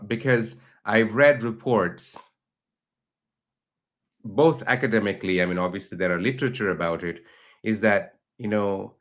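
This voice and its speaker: A man's voice: on the low side, a bit bright. A middle-aged man from Bangladesh, a teacher and researcher, interviewing a guest online with long, earnest questions. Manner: earnest, builds up long questions, rising emphasis.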